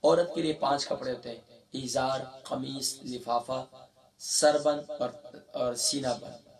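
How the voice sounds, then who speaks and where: A man teaching a religious lesson, reciting slowly syllable by syllable and explaining quickly in between. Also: medium pitch, steady tone, far from the mic. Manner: slow drawn-out recitation spelling out syllables.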